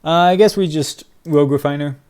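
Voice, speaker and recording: A young man giving excitable live commentary on his own card game match, muttering one moment and crying out the next. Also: on the high side, a little fast, smooth. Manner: excitable, swings from mutters to loud cries and laughter. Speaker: gaming video creator.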